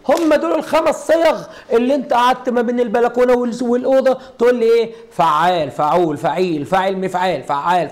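A high-pitched, darkish voice belongs to a middle-aged man with an Egyptian accent. At a classroom whiteboard he teaches Arabic grammar, explaining each step and asking his students rhetorical questions again and again.

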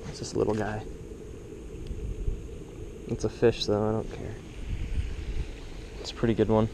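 A young man filming himself bass fishing at a pond, chatting to viewers in slangy, excited bursts. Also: a little slow, vocal fry, noisy background. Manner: excited, slangy, talks to viewers as bro and dude. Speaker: fishing vlogger. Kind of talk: casual commentary while fishing. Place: outdoors by a suburban pond. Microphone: head-mounted action camera.

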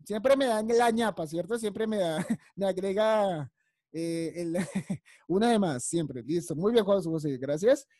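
A woman's voice: medium pitch, animated, a little slow, mellow, no room sound, clean studio sound. A woman teaching young children English vocabulary on a video call, patient and encouraging as she calls on each child by name. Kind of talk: online class teaching vocabulary.

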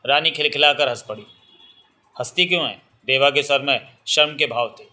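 Male audiobook narrator, steady storytelling, bright mid-pitched voice. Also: a little fast.

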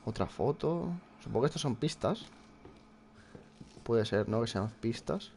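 A young man with a Spain Spanish accent chats through a horror game for his viewers, startling easily and swearing often. His voice has a gravelly fry at mid pitch. A faint noise runs beneath the recording. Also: lively intonation, measured pace, darkish tone. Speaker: gameplay streamer. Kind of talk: casual live gameplay commentary.

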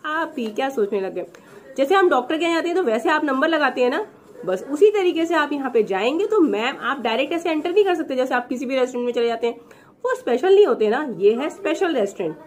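Chatty high-voiced woman vlogger. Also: very animated, quick pace. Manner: chatty and sarcastic, mixes English phrases; gestures with her hands as she talks. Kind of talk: casual review vlog. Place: small room indoors.

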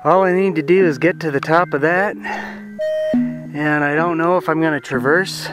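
A middle-aged hiker films his own backcountry trip on a snowy mountain ridge, holding the camera at arm's length and narrating in a relaxed, unhurried way with plenty of fillers. His voice sits on the high side, and the low-quality recording has background music playing over him.

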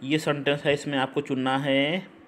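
A man's voice: on the high side, flat delivery, a little hiss or hum. Hindi-speaking man teaching English grammar. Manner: repetitive, checks in with listeners (ठीक? हम्म?); spells out words letter by letter and reads English sentences slowly. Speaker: English teacher for exam prep.

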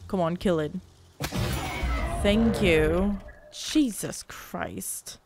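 Speaking extremely slowly in a lowish voice, a gameplay video host casually comments on her role-playing game as game music plays. She teases her party, grumbling and cursing at them.

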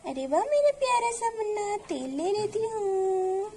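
A woman's voice: very high-pitched, very animated, a little slow, warm tone, exaggerated voice. A woman voicing a cheerful village mother in a cartoon doll story, coaxing and sing-song as she talks to children and a baby.

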